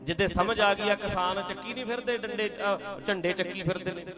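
Addressing a congregation, this Punjabi man from India delivers a Sikh sermon full of playful teasing and rhetorical questions aimed at the crowd. He speaks in a high voice at normal speed.

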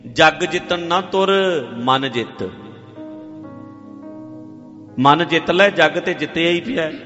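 A man's voice: fairly high pitch, a little slow, pushed and bright, faint music behind. A man preaching a sermon in a conversational style, repeating phrases and acting out the worried voices of ordinary people. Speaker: Sikh preacher. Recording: dull, hall-like reverb.

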